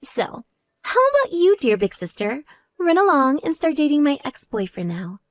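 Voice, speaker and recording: Story read: a woman playing a spoiled younger sister, boastful and taunting, pitch high and swooping, dry close sound. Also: big pitch swings, moderate pace, dry recording, faint music behind. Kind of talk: voiced text story dialogue.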